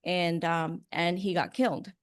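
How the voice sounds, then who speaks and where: Low-pitched woman. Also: level tone, unhurried. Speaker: interview guest, broadcast journalist. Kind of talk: casual personal storytelling in an interview.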